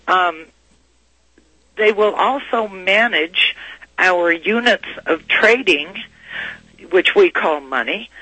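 Bright-voiced woman explaining, dry sound. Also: lowish voice, slightly rough, no room sound, poor audio. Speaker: talk show guest commentator. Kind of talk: conversational political commentary.

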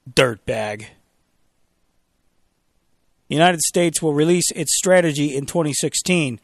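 A man's voice: fairly high pitch, no echo, clean studio sound. A man hosting a talk radio show, reading official statements aloud and breaking in with sarcastic, mocking commentary. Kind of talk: opinionated talk radio monologue.

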